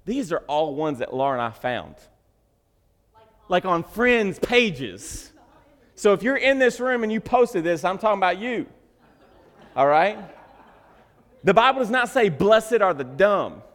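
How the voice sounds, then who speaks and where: A man preaching a sermon, joking with the congregation and swinging from loud bursts to hushed asides. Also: sits high, sing-song, a little slow, long pauses. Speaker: pastor. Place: church sanctuary. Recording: reverberant hall.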